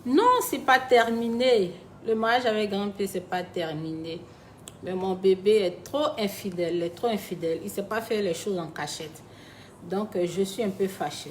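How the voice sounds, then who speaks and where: A woman's voice: lowish voice, a little mellow, slight background noise. A woman, chatting on a phone livestream to followers she calls her babies, turning sombre and reflective when she talks about loss. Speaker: live streamer talking to her followers. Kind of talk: casual live-stream chat.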